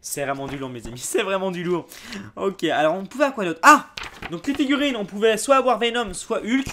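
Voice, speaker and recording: Excitable young man with a lively voice. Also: sits high, a little fast, slight background noise. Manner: excitable, exclaims and laughs at items. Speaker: YouTuber unboxing a subscription box. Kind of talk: casual unboxing vlog.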